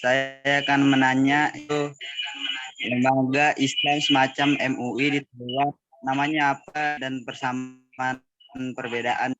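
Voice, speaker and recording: A man's voice: mid-range voice, level tone, measured pace, pushed and bright, soft background music. Man on a choppy, breaking-up call. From Indonesia. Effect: choppy, breaking-up call audio. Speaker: participant asking a question. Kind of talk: online webinar question. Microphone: video call. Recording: muffled distant video-call audio.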